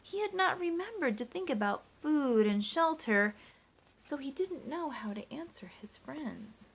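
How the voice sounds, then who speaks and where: This teacher has a high, lively voice and keeps a measured pace as she gives an expressive storybook read-aloud. Along the way she teaches simple sums to young children step by step, asking them questions to draw them in.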